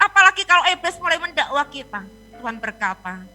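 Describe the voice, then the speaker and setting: A woman's voice: sits high, sing-song, quick pace, bright, forceful tone. A middle-aged woman pastor, preaching a sermon in a church and telling a story while often addressing the congregation. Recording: live-streamed church service with music.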